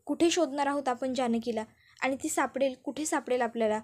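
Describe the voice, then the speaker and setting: A woman's voice: high-pitched, a little fast, darkish tone. A woman voicing a frustrated husband exasperated by his wife's disappearance. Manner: exasperated questioning. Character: frustrated husband, elder brother.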